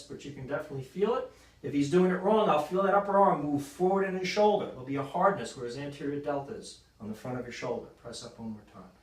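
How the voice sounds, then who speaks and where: A man, a sports injury doctor, explaining an exercise and coaching a client through repetitions. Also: a little high. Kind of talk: exercise demonstration. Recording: roomy echo, mic at a distance.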